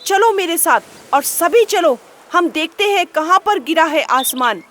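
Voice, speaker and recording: A woman voicing a stern, commanding lion king in a children's storybook, booming out demands. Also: lively intonation, a little slow, fairly bright tone, a little hiss or hum, heavily acted.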